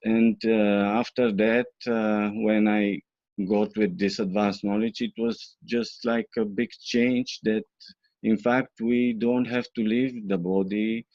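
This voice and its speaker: Slow-speaking man from Bulgaria, hesitant. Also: fairly low pitch, little pitch movement, darkish tone, dry recording. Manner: hesitant, many fillers. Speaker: interview guest. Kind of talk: interview answers. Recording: dull lo-fi dry sound.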